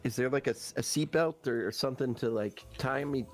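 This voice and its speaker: A man's voice: medium pitch, brisk, soft background music. A man playing a tabletop game who stammers and restarts while asking nervous questions. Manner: hesitant, restarts often, asks nervous questions. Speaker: player. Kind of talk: casual chat at the game table.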